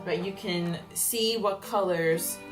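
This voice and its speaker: A woman's voice: fairly low pitch, slow pace. A young woman vlogger talking through a makeup tutorial and palette review, explaining each step in a chatty way. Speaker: beauty vlogger. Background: soft background music.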